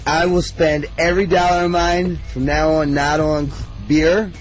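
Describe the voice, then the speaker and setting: A man's voice: on the high side, level tone, normal speed. A man in his twenties hosting a radio show, talking in rowdy, laughing, crude banter. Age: 20s.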